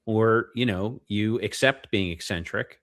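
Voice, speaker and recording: Low-voiced man chatting on a podcast. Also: a little slow, fairly bright tone. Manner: hesitant, many fillers and restarts. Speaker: podcast co-host. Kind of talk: casual podcast chat.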